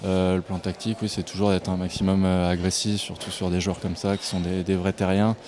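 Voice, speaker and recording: A man from Paris, a tennis player answering post-match interview questions in a relaxed way, with many hesitations and fillers. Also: sits low, a little fast. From Paris, France.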